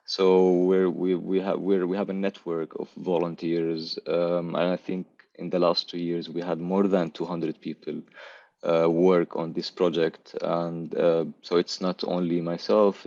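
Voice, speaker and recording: A man's voice: deep voice, a little mellow, no room sound. Man on a dull, dry video call. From Syria. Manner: friendly, hesitant with many fillers. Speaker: panel guest, project founder. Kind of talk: casual panel talk.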